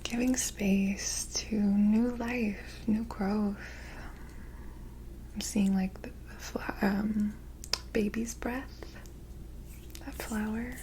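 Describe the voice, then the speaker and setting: Airy, breathy whispering woman, gentle mystical healer. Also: medium pitch, fairly even intonation, extremely slow, pauses often, a little hiss or hum, low-quality recording. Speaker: ASMR reiki energy healer. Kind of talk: whispered role-play, ASMR energy healing.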